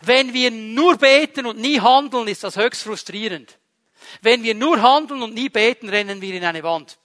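A man preaching a sermon, lively, asking the congregation rhetorical questions and moving between loud emphasis and hushed passages. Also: very high voice, moderate pace.

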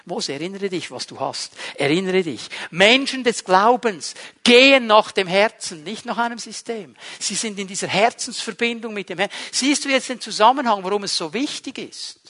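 High-voiced preacher, lively. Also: male voice, normal speed. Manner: lively, asks rhetorical questions, swings between loud and hushed. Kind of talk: sermon.

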